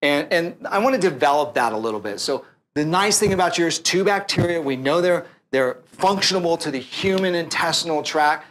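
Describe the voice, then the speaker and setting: A man's voice: on the high side, animated, moderate pace, fairly bright tone, slight background noise. Slangy, upbeat male interview host. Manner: loose, slangy, restating points. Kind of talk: casual interview.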